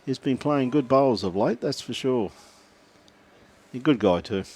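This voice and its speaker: A man with an easygoing Australian accent calls a bowls match in a middle-pitched voice. He keeps it chatty, laughing often and reading viewer messages between shots. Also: expressive, unhurried, darkish tone, slightly rough. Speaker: bowls commentator. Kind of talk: live sports commentary, chatty.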